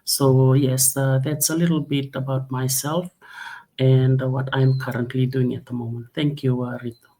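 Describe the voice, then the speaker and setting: Hesitant flat-voiced woman guest from Fiji. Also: rumbling low, moderate pace. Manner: hesitant, many fillers. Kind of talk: online interview.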